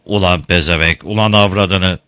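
A man's voice: low-pitched, steady tone, moderate pace, pushed and bright, no echo, clean studio sound. A man voicing a hot-tempered tax collector who roars and curses in a read-aloud story. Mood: angry. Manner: roaring, cursing.

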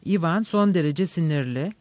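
Higher-voiced man reading a novel. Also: lively intonation, moderate pace, a little mellow, dry recording. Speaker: narrator. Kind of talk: audiobook narration of a novel.

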